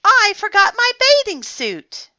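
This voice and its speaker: A woman voicing an excitable, noisy little boy frog in a storybook, shrieking her exclamations. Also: very high voice, unhurried, voice pushed up, exaggerated voice. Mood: excited. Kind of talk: storybook character voice. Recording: slightly muffled dry recording.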